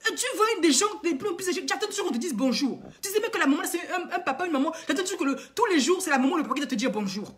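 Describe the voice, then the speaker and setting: A woman's voice: sits high, expressive, very fast, hardly any pauses. A woman vlogger and coach lecturing her viewers with indignant, emphatic rhetorical questions and lots of repetition. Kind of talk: impassioned moralizing monologue to viewers.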